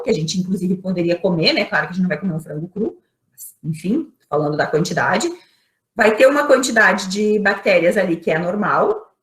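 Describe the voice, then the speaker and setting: Woman, Brazilian Portuguese accent, teacher, explanatory, fairly high voice, computer mic, roomy echo. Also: a bit bright. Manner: explanatory, asks rhetorical questions, often checks in with "né?". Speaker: microbiology teacher. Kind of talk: online lecture. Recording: echoey room.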